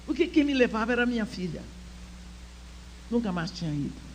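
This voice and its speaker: An older woman at a church women's conference tells a heartfelt personal story, sinking to near-whispers and then rising to urge her listeners on. Her expressive voice runs high and a little fast, in a low-quality recording with a little hiss or hum.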